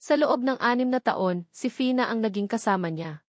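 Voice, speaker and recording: With a slightly high, expressive voice at normal speed, a woman with a Filipino accent narrates a scripted story dramatically as an audiobook narrator. The recording is dry and clean, studio quality.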